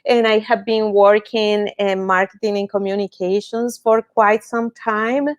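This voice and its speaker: Slow, hesitant Colombian woman. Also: mid-range voice, level tone. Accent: Colombian Spanish. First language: Spanish. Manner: hesitant, many fillers. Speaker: panel moderator. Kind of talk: casual introduction. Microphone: video call.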